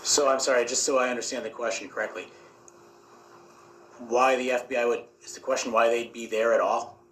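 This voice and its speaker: A man's voice: medium pitch, flat delivery, fairly quick, a bit bright. A male detective giving guarded, matter-of-fact testimony under cross examination in court. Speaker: police detective testifying as witness. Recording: echoey courtroom with faint noise.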